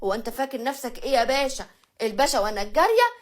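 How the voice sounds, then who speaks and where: A woman voicing a brash, teasing young peasant bride with an Egyptian accent and a loud, singsong manner. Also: sits high, animated, racing.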